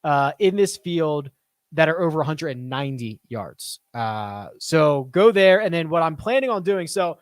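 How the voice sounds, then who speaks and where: Guy on a live stream reading chat and answering, kinda high voice, dry close mic, super casual. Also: lively intonation, normal speed, no room sound. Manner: chatty, reads chat questions aloud and answers off the cuff. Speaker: host answering viewer questions.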